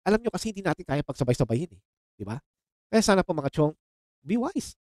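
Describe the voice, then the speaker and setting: A man's voice: on the high side, big pitch swings, fairly quick, a little mellow, dry recording. A Filipino man ranting in casual political commentary to his viewers. He sounds heated and sarcastic, and he keeps mixing English exclamations into his speech. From Philippines. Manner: calls viewers "mga chong". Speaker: political reaction vlogger.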